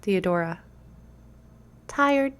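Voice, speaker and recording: A woman voicing tiny pixie-like talking forest leaves in a tabletop game, speaking in halting single words. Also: mid-range voice, animated, clear, resonant tone. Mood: hushed reporting.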